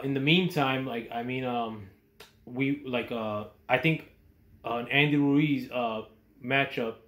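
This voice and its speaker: Man, mid pitch, hesitant, fresh out of bed, casual vlog, roomy echo. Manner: hesitant, many ums and restarts. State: just woke up. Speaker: boxing vlogger. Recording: echoey room.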